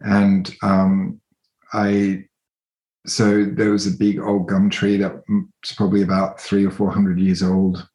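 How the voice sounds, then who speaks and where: Speaking as an interview guest, a thirties-aged artist and researcher from rural New South Wales reflects slowly and carefully, often pausing, using fillers and restarting. His fairly low voice is dark and monotone, and the room around him sounds echoey and large.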